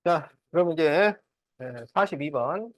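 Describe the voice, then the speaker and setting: This male math teacher speaks a little slowly, with a voice on the high side, and there's no echo. He works through problems step by step in a classroom lesson, regularly making sure the class follows along.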